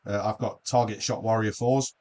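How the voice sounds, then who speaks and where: A man's voice: lowish voice, fairly even intonation, normal speed, darkish tone. A man from the UK hosting a live darts stream from his home studio shed, chatty and jokey, reading out comments from viewers. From United Kingdom. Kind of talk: casual chat.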